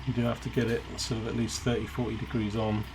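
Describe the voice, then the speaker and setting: A man's voice: lowish voice, level tone, fast. A British man casually commenting on his gameplay, thinking aloud and correcting himself as he goes. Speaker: gaming channel host. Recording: clear game vehicle noise behind voice. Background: game engine and truck sounds.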